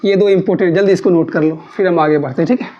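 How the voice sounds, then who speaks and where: A woman's voice: on the low side, very fast, highs cut off, slight background noise. A woman maths teacher giving a classroom lesson. She asks questions and answers them herself, repeating key terms again and again to coax her students. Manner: repetitive, coaxing drill of key terms.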